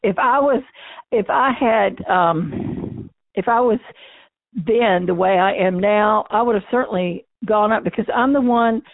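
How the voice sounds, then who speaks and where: An older woman recalls her past in a candid, emphatic way, her speech numb-mouthed from a numb face. Her voice sits at an average pitch. The sound is thin and phone-like, with no room echo. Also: unhurried. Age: 60s or older. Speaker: interviewee. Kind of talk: oral history interview, casual recollection.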